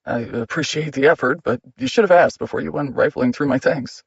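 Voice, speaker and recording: A man's voice: fairly high pitch, brisk, vocal fry, slightly rough, dry recording, dull audio. A man doing an angry controlling husband. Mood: condescending. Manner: loud and accusing.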